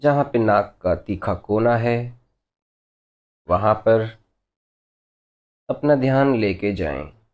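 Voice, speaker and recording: In a lo-fi recording, a man with a fairly low, expressive voice leads a guided meditation as its teacher. He gives calm, unhurried directions in brief phrases, leaving long silences between them.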